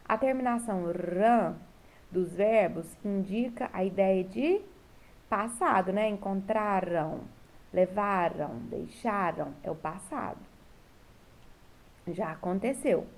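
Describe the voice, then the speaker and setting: A woman's voice: medium pitch, animated, takes it slowly, long pauses, a little mellow. A woman teacher with a Brazilian Portuguese accent, recording from home as she patiently goes over a homework correction for her pupils and keeps checking that they follow. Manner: patient, checks in often with a tag question.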